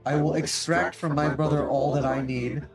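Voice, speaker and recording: A man's voice: on the high side, fairly even intonation, normal speed, vocal fry, loud music behind the voice. A man doing a mournful statue spirit through a voice changer. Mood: solemn. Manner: solemn, archaic phrasing. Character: sorrowful ancient female statue spirit. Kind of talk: game master voicing a character.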